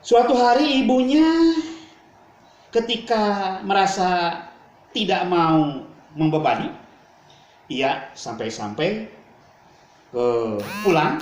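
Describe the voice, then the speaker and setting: Man, preacher, dramatic storyteller, echoey room, faint background hum. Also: mid-range voice. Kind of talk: storytelling sermon.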